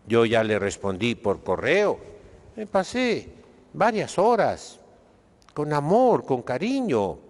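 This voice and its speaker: A man with a Mexican accent delivers a sermon as a priest, speaking at an unhurried, deliberate pace in a mid-range voice. He is emphatic and preachy, tagging his points with questioning asides to his listeners. The recording carries a long hall reverb. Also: medium pitch.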